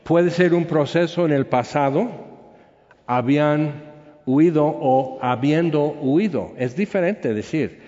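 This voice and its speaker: A man's voice: on the high side, slow pace, dark tone. Guy teaching bible class, chatty, keeps checking in, dull sound. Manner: conversational, checks in with listeners. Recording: echoey hall, dull sound.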